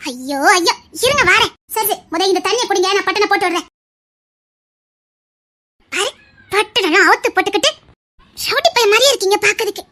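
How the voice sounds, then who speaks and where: Voicing Anandhi in a web series drama, a woman speaks with a Tirunelveli Tamil accent as a doting young lover who fusses over him and scolds him affectionately. Her very high-pitched voice is expressive, brisk, pushed and bright, exaggerated, and she pauses often.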